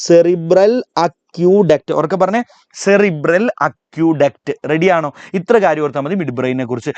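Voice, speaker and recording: A man teaching a live online biology revision class with a Malayali accent, calling on students to repeat terms aloud and spelling key words out slowly. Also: sits high, darkish tone, clean tone, no echo, highs cut off.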